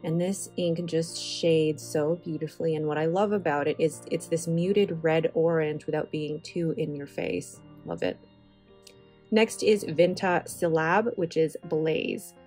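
Her voice is low-pitched, darkish, and a little slow: a woman of Filipino heritage who hosts a stationery channel, casually and enthusiastically narrating ink swatches with rambling asides. Soft background music accompanies the separately recorded voice-over.

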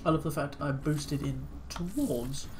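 A woman's voice: low-pitched, measured pace. A woman giving let's play commentary with hiccups, swearing often and apologizing again and again. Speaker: game streamer.

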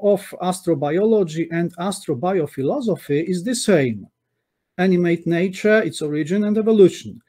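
A man whose first language is Polish, giving a measured academic conference talk over a video call, with frequent "uh" pauses and self-corrections. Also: sits high, mellow. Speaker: conference speaker. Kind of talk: academic lecture over slides. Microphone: webcam on a video call.

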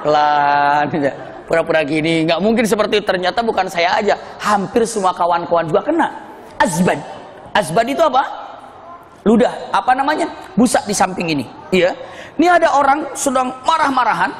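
Male preacher, high voice, animated storyteller who acts out quoted voices, reverberant hall, faint noise. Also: fairly quick. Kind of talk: sermon.

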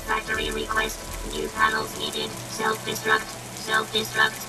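Glitching robot soldier. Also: male voice, high-pitched, a little slow, full character voice. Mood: glitching robotic. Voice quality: flat, clipped computer announcements. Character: malfunctioning robot soldier voice, cold and mechanical. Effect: robotic filter. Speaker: game character voice. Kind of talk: video game voice lines. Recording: distant game audio under loud music.

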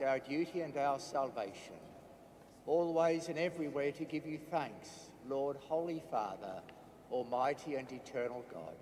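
A priest reciting the prayers of the Mass in a measured, solemn intoning voice, with cathedral echo. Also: male voice, medium pitch, darkish tone. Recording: echoey church with long reverb, faint background noise.

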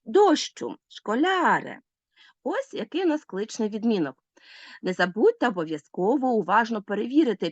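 A woman teacher giving a recorded school lesson, speaking clearly and instructively. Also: medium pitch, no room sound, muffled recording. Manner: clear, instructive, lively intonation.

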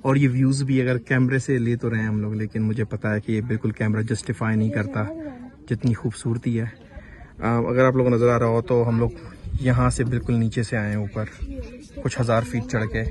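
A man's voice: medium pitch, level tone, normal speed, a little mellow. A man casually narrating a travel vlog, chatting to viewers and pointing out the views while out on a mountain and then in a hilltop restaurant. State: short of breath while hiking. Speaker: travel vlogger.

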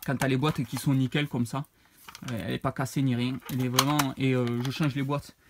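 A man's voice: mid-range voice, little pitch movement, a little fast, background noise. A man, casually showing off his retro game purchases, rambling and hesitant as he reads out prices. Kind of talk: casual unboxing vlog.

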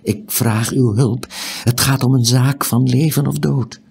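Man doing old hooded stranger, whispered role-play, storybook, breathy, gravelly, urgent. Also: medium pitch, steady tone, unhurried, voice pushed up, heavily acted. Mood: pleading. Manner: hushed, pleading, urgent.

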